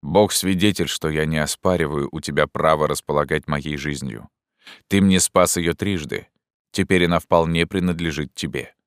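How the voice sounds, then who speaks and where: A man voicing a noble captive man who speaks quietly with sorrow and resignation. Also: a bass voice, normal speed, smooth, no echo, studio quality. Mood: resigned.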